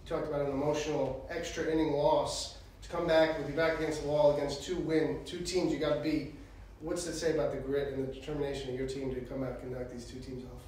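A man's voice: a little high, little pitch movement, a little mellow, slight background noise. Distant man reporter, very echoey. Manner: measured questioning.

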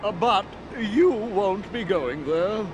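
A grand, theatrical pirate captain villain in a game cutscene, high and swooping, slow and drawn-out, blustering with bits of panic, with a music score playing behind. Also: male voice, lively intonation. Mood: menacing. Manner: blustering, then panicky and whining.

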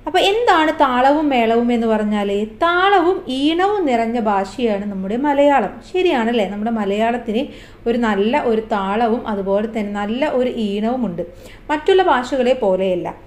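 Female teacher, fairly high voice, reads a story aloud and explains words along the way for a lesson recording. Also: lively intonation, measured pace, darkish tone. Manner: explains terms and asks the class questions.

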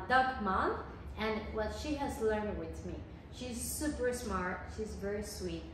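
A woman's voice: mid-range voice, background noise. Woman vlogging, echoey room. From Venezuela. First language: Spanish. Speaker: dog owner vlogger. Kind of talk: casual talk to camera. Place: living room, indoors.

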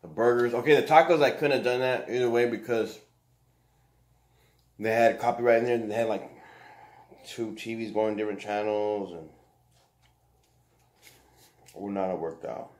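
A man's voice: on the low side, fairly even intonation, moderate pace, pauses often, darkish tone. A man vlogging at home while eating, rambling casually to pets and viewers between bites. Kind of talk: casual mukbang vlog. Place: home, indoors.

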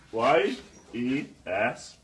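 A man's voice: mid-range voice, sing-song, drawn-out words. A man in casual banter, insistently prodding someone to work something out. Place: indoors, unfinished building site room. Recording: echoey room, off the mic, faint noise.

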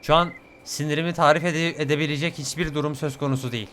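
A man's voice: a little high, fairly even intonation, fast, slight background noise. Screaming, cursing young man gaming. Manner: swears a lot, yells and shrieks at jumpscares. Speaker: gaming YouTuber. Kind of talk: let's play commentary.

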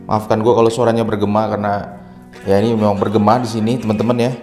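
A man's voice: fairly low pitch, level tone, fast talker, a little mellow. A tired man vlogging casually in a bare room with a strong echo, chatting to his viewers as friends. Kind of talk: casual vlog chat, room tour. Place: bare, echoey new rented house, indoors. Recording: echoey bare room, faint music.

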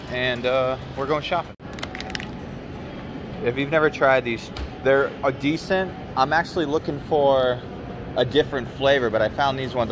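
A man's voice: mid-range voice, noisy background. An American man who runs a retro game store, talking casually to camera while out shopping, with crude, joking banter. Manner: relaxed, crude, boastful joking. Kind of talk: casual vlog narration. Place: store, parking lot and supermarket.

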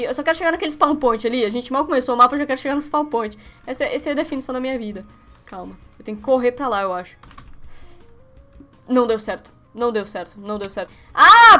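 Young brazilian girl doing let's-play commentary, high bright voice, jumpy and yelpy. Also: racing, faint music behind. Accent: Brazilian Portuguese. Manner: excitable, yelps and shrieks when failing. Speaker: gaming youtuber. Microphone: webcam setup.

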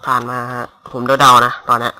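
A young man casually commentating his Minecraft game at home on a headset mic, talking softly and rambling. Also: medium pitch, completely flat delivery, a little fast. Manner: rambling, talks softly to avoid disturbing neighbors. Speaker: gaming YouTuber. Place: home room. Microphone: cheap gaming headset mic.

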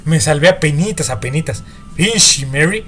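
A young man with a Mexican Spanish accent plays a horror game and talks it through for his viewers. His voice sits a little high, and he jumps, curses and mutters to himself as he goes. Faint game music runs behind him. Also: lively intonation, normal speed, fairly bright tone. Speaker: gaming YouTuber. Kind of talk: horror game let's play commentary.

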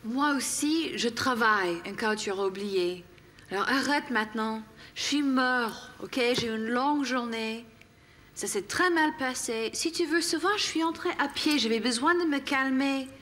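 A woman's voice: on the high side, normal speed, pushed and bright. An actress playing an exasperated young woman in a sitcom argument, heated and scornful. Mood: weary. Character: exasperated young woman, fiery and sharp-tongued. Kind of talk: 1980s French sitcom acting.

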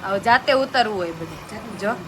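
A woman's voice: fairly high pitch, moderate pace. A woman chatting through a home vlog, often cooing in baby talk to an infant. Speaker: vlogger. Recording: noisy with passing traffic.

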